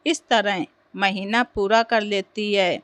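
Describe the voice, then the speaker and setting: A woman narrating a moral folk tale in a steady, simple storytelling manner. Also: medium pitch, slow pace, clean tone, no echo.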